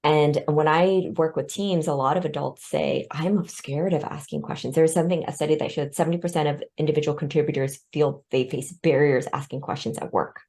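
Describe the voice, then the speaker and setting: A woman born in Vietnam and raised in the United States joins a conversational interview as a guest expert on respect. Her low voice has a steady, darkish tone and a brisk pace with few pauses. She explains her ideas through studies and personal stories, laughing lightly between points.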